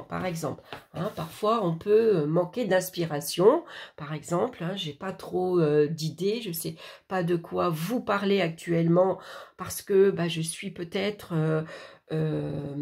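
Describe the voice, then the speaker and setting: Her voice is fairly low, creaky, and a touch mellow as this Frenchwoman chats through an oracle card reading. Hesitant and talkative, she speaks right to the viewer, stumbling into restarts and filler words.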